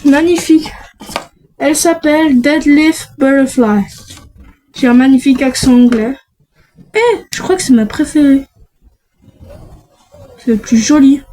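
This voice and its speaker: A woman's voice: high-pitched, animated, normal speed, long pauses, mellow, slight background noise, low-quality recording. A young woman chatting casually to viewers while unboxing mystery boxes, talking to herself and restarting her sentences often. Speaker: unboxing vlogger.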